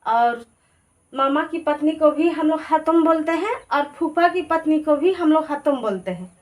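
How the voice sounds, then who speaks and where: High-voiced woman drilling vocabulary. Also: animated. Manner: repeats each word pair slowly, drilling. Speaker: language teacher. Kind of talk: casual spoken language lesson.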